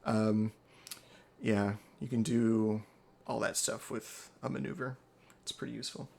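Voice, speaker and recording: Male GM, gravelly voice, laid-back rules talk, voice-chat mic. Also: fairly low pitch, a little slow, a little hiss or hum. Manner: relaxed, explains rules with many ums. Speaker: game master. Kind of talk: running a tabletop game over voice chat.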